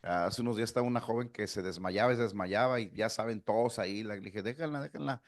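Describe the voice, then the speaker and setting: A man's voice: fairly low pitch, fairly even intonation, fast. A man giving an informal psychology talk, answering questions and acting out little dialogues, with many restarts and fillers.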